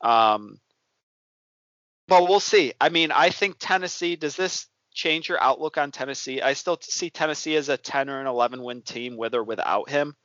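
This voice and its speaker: A man co-hosts a casual sports chat in a loose, self-deprecating way, filling his pauses with ums. His voice sits in a middle register. The sound is dry and dull, like a lo-fi remote line. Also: medium pitch, a bit bright, no echo. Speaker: sports podcast co-host.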